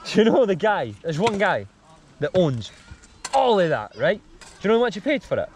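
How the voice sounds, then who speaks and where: A man's voice: high voice, sing-song, normal speed, a little mellow, a little hiss or hum. A young Scottish man hosting a casual podcast chat, talking loosely and swearing, with bro and mate in nearly every sentence. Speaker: podcast host.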